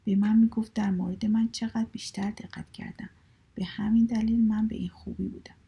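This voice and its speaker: A woman voicing a sly, teasing young sister in a soft whispered story reading. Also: medium pitch, flat delivery, creaky, husky.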